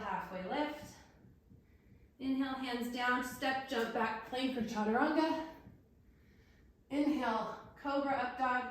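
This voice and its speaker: A woman teaching yoga as she moves through it, giving short cues timed to her breath and a little out of breath. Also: on the high side. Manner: short breath-paced cues, laughs at herself. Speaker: yoga instructor. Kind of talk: cueing a yoga flow while doing it. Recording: very echoey room.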